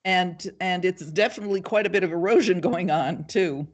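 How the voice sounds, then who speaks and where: An older woman answering interview questions in a measured, thoughtful way, pausing often with ums. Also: on the low side. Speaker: guest, local party committee chair. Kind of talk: casual livestream interview.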